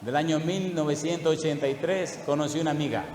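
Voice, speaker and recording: Older male pastor, slightly high voice, emotional and affectionate, sermon in a reverberant church hall. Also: a little fast, a little mellow, slight background noise. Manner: emotional, chuckling, fond asides and rhetorical questions to the congregation.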